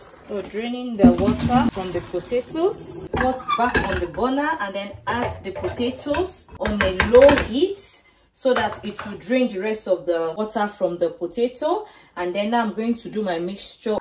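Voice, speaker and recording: Brief: middle-aged woman, chatty home-cooking vlog narration, roomy kitchen sound with light background hiss. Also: fairly high pitch. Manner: chatty step-by-step explaining. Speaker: cooking vlogger. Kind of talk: casual cooking demonstration. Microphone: camera across the kitchen. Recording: echoey kitchen, faint noise.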